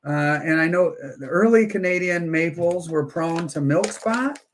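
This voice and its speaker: Speaking at a normal speed in a voice on the high side, the coin auction host keeps things casual on his live stream. He jokes and chats as he counts down each bid.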